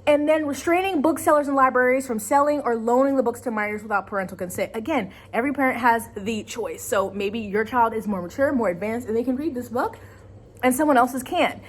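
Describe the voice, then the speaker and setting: High-voiced woman giving exasperated commentary. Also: a little fast. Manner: conversational, exasperated, emphatic, voices imagined quotes. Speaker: video host. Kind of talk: casual opinion commentary to camera.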